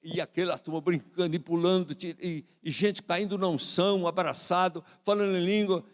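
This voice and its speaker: Animated Brazilian pastor in a reverberant hall. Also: male voice, high voice, moderate pace. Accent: Brazilian Portuguese. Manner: lively storytelling, acting out quoted voices. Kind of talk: sermon. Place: church sanctuary.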